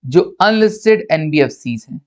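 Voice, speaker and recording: A man's voice: fairly high pitch, lively intonation, moderate pace, a little mellow, clean tone. A man from India giving a recorded accountancy lecture, teasing his students playfully and asking and answering his own questions.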